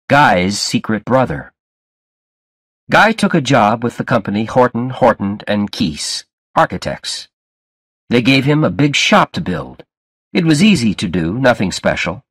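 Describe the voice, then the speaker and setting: Slow, deliberate male story reader. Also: fairly low pitch, fairly bright tone, husky, no echo. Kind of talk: scripted story narration for learners.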